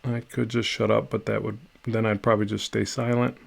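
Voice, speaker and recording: A man's voice: fairly low pitch, level tone, a little fast, creaky. A middle-aged man chatting casually and rambling while painting on a live stream from his home studio. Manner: rambling, self-deprecating, many restarts.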